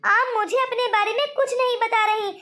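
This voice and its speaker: An earnest young cartoon bride. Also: female voice, very high-pitched, steady tone, normal speed, sharp tone. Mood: determined. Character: young bride-to-be, polite and determined. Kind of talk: cartoon voice acting.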